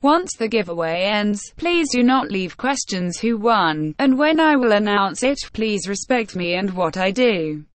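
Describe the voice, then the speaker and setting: Synthetic woman host voice, mid pitch, bone-dry, monotone scripted announcements. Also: a little slow, few pauses, dry recording. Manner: flat synthetic text-to-speech reading. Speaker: gaming channel host.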